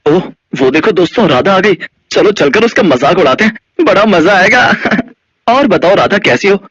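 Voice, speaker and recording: A man doing a spoiled boy who mocks a poor girl with glee. His voice is raised high and bounces up and down a lot. The recording is dull and lo-fi. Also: lively intonation, normal speed, fairly bright tone, slightly rough, no room sound, exaggerated voice. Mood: taunting. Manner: taunting, gleeful. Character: mocking rich boy teasing a poor girl. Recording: dull lo-fi audio.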